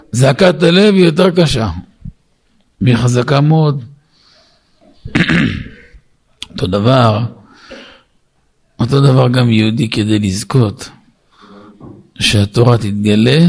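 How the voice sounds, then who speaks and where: Gravelly husky rabbi teaching a class. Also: male voice. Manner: storytelling teacher who asks and answers his own questions; voice climbs high and loud when stressing a point. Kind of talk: Torah lesson.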